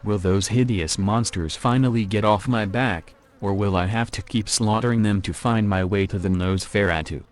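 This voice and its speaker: A man's voice: fairly low pitch, moderate pace, few pauses, lightly acted. A synthetic text-to-speech man's voice playing a blunt, sardonic vampire recruit in video game dialogue. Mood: dry.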